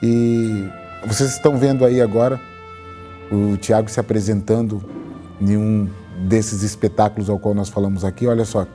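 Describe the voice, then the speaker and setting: A middle-aged man with a Brazilian Portuguese accent hosting a TV interview in a studio, enthusiastic and expressive. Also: on the low side, moderate pace, faint music behind. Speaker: TV interview host.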